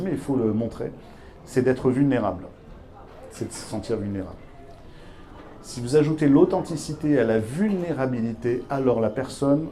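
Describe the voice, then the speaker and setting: A man's voice: mid-range voice, warm tone. A man giving a live masterclass to business leaders on a handheld microphone, emphatic and repetitive, speaking straight to his audience. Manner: emphatic teacher, repeats key words, addresses audience directly.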